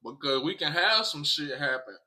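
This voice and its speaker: A man's voice: a little high, lively intonation, moderate pace, pushed and bright. An American man talking casually to viewers in an emphatic way, repeating phrases and swearing freely. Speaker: vlog host.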